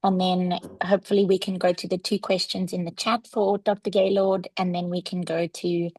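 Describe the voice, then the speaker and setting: A woman, a webinar moderator, speaking politely and briskly on a video call. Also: lowish voice, level tone, a little mellow, no room sound. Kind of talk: organizing remarks on a video call.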